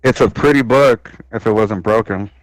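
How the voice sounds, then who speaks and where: A man running a tabletop game as game master, narrating in a relaxed, unhurried way. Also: fairly low pitch, low-quality recording.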